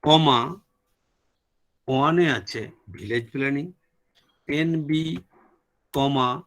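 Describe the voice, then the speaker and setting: A man delivers a classroom lecture at a medium pitch. He spells out terms word by word, as if for note-taking, and switches into English for the technical phrases. Now and then he stops to ask whether everything is clear. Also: a bit bright. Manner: dictates terms slowly, mixes English terms into Bengali, checks with "clear?".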